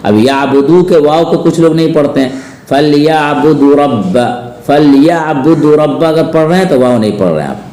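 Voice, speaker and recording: A man's voice: a little high, very animated, warm tone. Man teaching chanted recitation, echoey. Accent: Indian Urdu-Hindi. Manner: alternates slow melodic chanting with quick explanatory speech. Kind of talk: recitation lesson with spoken corrections.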